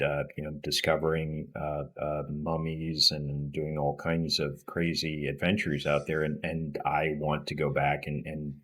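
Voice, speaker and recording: Man, extremely deep voice, middle-aged, podcast guest, reflective, restarts. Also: a bit bright. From Peru. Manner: reflective, many restarts and fillers. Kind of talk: casual interview conversation.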